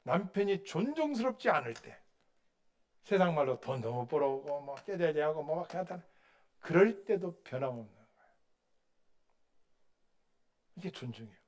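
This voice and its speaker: Higher-voiced male pastor preaching. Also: sing-song, normal speed, long pauses, a little mellow. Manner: questions the congregation and waits for answers; storytelling, acting out quotes. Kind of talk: sermon.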